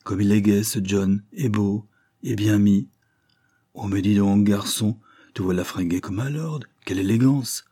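A man voicing a small, stout elderly father in an audiobook, talking faintly and flatly at times. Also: fairly low pitch, unhurried. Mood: delighted. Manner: speaks faintly, oddly flat and weary. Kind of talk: audiobook character reading.

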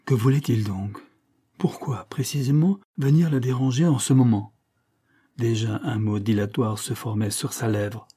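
Man, audiobook narrator, measured, dramatic, husky. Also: medium pitch, dark tone.

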